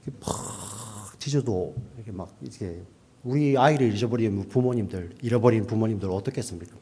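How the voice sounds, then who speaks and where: A male pastor delivering a sermon, often checking in with the congregation and moving between a raised voice and a hushed near-whisper. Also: on the low side, brisk, slightly rough. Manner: preaching with frequent "yes" and "right?" asides to the congregation.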